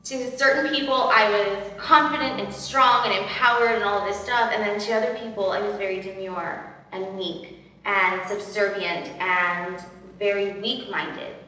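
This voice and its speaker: A woman's voice: medium pitch, steady tone, normal speed, pushed and bright, far from the mic. A woman on a panel talk, chatting casually and reacting expressively. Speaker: panel guest. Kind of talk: casual chat. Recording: echoey room, off-mic.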